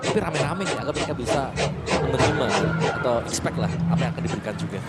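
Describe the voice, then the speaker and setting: A man's voice: mid-range voice, animated, racing, very noisy. A man with an Indonesian accent giving explanatory esports commentary, mixing in English gaming slang. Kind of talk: analytical live game commentary. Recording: loud music behind commentary. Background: loud music.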